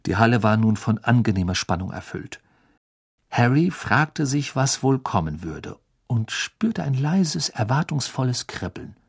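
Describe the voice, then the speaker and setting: A man reading a children's novel aloud with expressive storytelling. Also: lowish voice, vocal fry, breathy edge. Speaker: audiobook narrator. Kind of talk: scripted narration.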